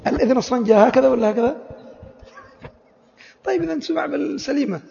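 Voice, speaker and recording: A man's voice: very high-pitched, quick pace, creaky, warm tone. A man teaching a jurisprudence lesson, quizzing his students with rhetorical questions and acting out short dialogues. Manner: acts out quoted dialogues. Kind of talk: classroom lesson. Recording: echoey hall, dull lo-fi audio.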